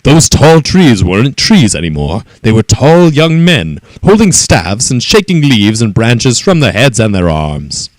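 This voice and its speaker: A man reading a children's story aloud in an expressive, animated way. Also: mid-range voice, unhurried, hardly any pauses, no room sound.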